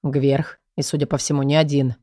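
A woman voicing a stern male lord and mage who speaks quietly and curtly, in a low, controlled tone. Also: level tone, moderate pace, dry recording, clean studio sound, natural voice. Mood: grim.

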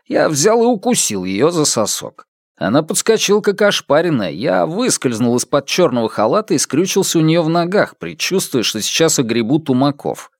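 A man narrates a literary novel aloud with lively, rising and falling intonation. The recording is close and dry, with no room sound. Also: medium pitch, dry recording. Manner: expressive, varied reading. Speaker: audiobook narrator.

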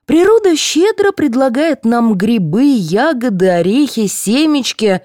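A woman's voice: on the high side, very animated, unhurried, darkish tone, no echo, studio quality, voice pushed up. A woman voicing a preachy female dentist who lectures about healthy eating in an audiobook.

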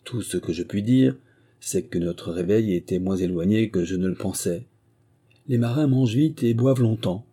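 A man reading a memoir aloud as an audiobook narrator, in a measured, literary storytelling manner. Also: fairly low pitch, warm tone, breathy edge. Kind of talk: scripted narration.

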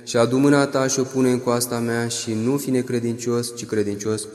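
A calm, authoritative male teacher speaks gently and solemnly, voiced by a man reading scripture aloud. The pitch holds flat and level, the delivery measured. A long hall reverb follows every phrase. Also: lightly acted. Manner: solemn, measured, partly chanted.

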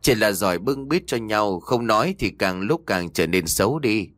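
A man voicing a calm, firm young nobleman in a spoken story. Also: fairly low pitch, dry recording, clean studio sound. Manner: measured, firm.

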